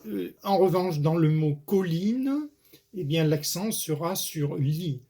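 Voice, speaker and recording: A man giving a measured spoken lesson on poetry, pausing often with hesitation fillers. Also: a little high, dark tone. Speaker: poetry lecturer and author-declaimer.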